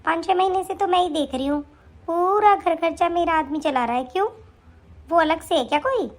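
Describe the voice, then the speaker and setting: A woman's voice: very high-pitched, a little fast. A woman voicing a scornful, stingy young wife. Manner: scolding, sharp and taunting. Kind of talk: animated story voice acting.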